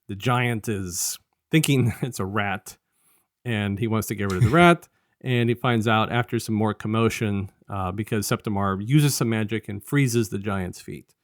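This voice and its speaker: Here a man with a fairly low voice, speaking at a normal speed, co-hosts a review podcast about an audio drama. His recap of the plot is loose and conversational, drifting into paraphrased lines of dialogue, and the recording is dry.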